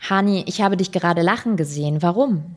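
A woman's voice: fairly low pitch, fairly quick, natural voice. A woman voicing a female talk-show host who asks probing, coaxing questions.

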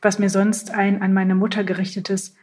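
A woman reads first-person literary prose aloud at a calm, measured pace. Her pitch sits in a middle range and barely moves, which gives the narration a steady, even, almost flat feel. It sounds like a scripted audiobook reading.

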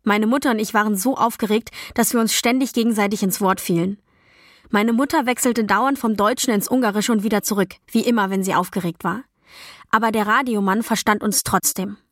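A woman reading a first-person novel as an audiobook, in a calm, even storytelling voice with quiet dialogue voices. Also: mid-range voice, a little fast, no room sound, studio quality. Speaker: audiobook narrator. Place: dry recording booth. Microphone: close studio mic.

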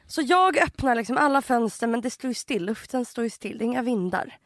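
A woman co-hosting a podcast in casual chat, an animated storyteller who acts out other people loudly. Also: on the high side, no room sound, clean studio sound. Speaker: podcast co-host.

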